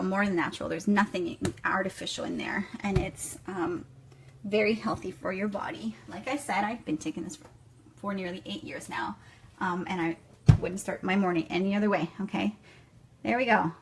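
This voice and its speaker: Talking to her viewers in a casual kitchen demo, a vlogger in her thirties with a French accent shows how to make a smoothie, chattily tacking "okay?" and "guys" onto almost every line. She has a creaky, mid-range voice, recorded at home with plenty of noise.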